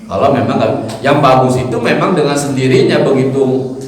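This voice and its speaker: Male preacher, humorous and animated, mimics chanting; booming mosque reverb. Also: normal speed. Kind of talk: mosque study sermon. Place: large mosque hall. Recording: echoey hall, mic from far off.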